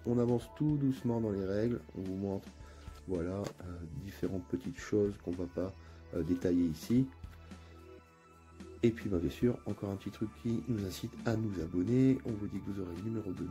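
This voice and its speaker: A man with a northern French accent hosts his own channel, narrating a casual unboxing in a chatty, relaxed way with lots of hesitations. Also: lowish voice. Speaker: channel host. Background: faint background music.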